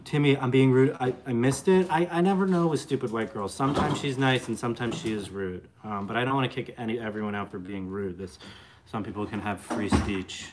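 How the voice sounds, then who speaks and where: A man's voice: medium pitch, brisk, noisy background. Rambling man in his late thirties. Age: late 30s. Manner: rambling, joking, reading comments aloud. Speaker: live stream co-host. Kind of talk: casual live-stream chat. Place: bright living room at home. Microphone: phone camera close up.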